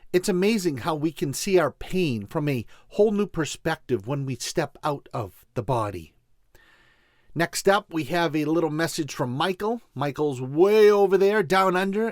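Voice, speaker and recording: Male host, Boston accent, slightly high voice, folksy motivational delivery on spiritual subjects, close dry sound. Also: no room sound. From Boston, USA. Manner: folksy, addresses listeners directly. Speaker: show host. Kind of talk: motivational spiritual talk show monologue.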